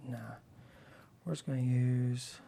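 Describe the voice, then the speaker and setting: A woman with a gravelly, slightly worn-out voice, hosting a livestream in casual, blunt, playfully sassy hobby chat. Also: very deep voice, level tone, slow, dark tone, slight background noise. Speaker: livestream host.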